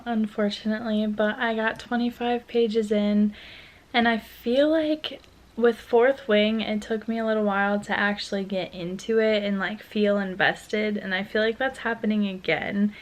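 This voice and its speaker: A young woman chatting casually at home in a vlog, gushing and excitable. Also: medium pitch, unhurried. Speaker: book vlogger.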